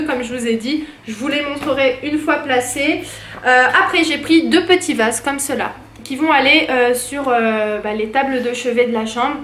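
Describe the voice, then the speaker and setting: A woman's voice: sits high, fairly bright tone, roomy sound, slight background noise. A young woman from France chatting casually in a haul vlog, with many fillers and restarts. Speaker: vlogger.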